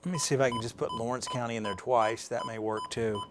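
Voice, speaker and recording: An American man presents an informal live demonstration of programming a weather radio, explaining off the cuff in a folksy, conversational way and thinking aloud as he goes. His medium-pitched voice swoops wildly and moves at a quick pace, with background noise present.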